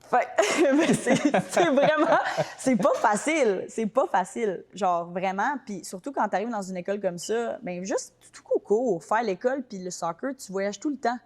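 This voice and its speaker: Chatty young Québécoise soccer player. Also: female voice, medium pitch, expressive. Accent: Québécois French. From Quebec. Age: young adult. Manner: quick, colloquial, many fillers like "genre" and "tu sais". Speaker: interview guest, soccer player. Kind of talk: casual interview chat.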